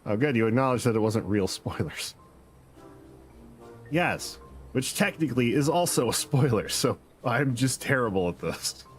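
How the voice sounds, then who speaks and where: A man's voice: mid-range voice, lively intonation, moderate pace, soft background music. A man streaming a game, chatting casually and correcting himself as he rambles. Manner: rambling, self-deprecating, corrects himself mid-sentence.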